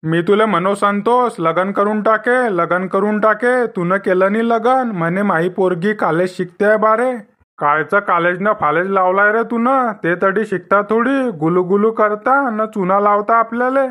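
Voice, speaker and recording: An actor voicing a grumbling middle-aged village farmer in a cartoon comedy, speaking in rustic, scolding banter. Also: male voice, high-pitched, a little slow, bright, forceful tone.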